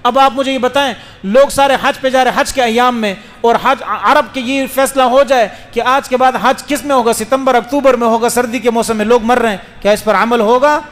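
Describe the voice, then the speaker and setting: A man's voice: very high voice, steady tone, few pauses, fairly bright tone, in a large hall. A man giving a religious lecture as a mufti, questioning his listeners and explaining rules patiently. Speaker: mufti preacher.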